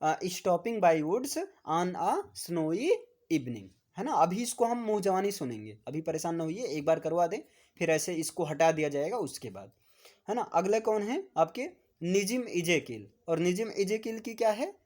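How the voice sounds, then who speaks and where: A man's voice: sits high, animated, unhurried, a little mellow. A man with a Hindi accent giving a classroom lecture, repeatedly asking "है ना?" and spelling words out for his students. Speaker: teacher.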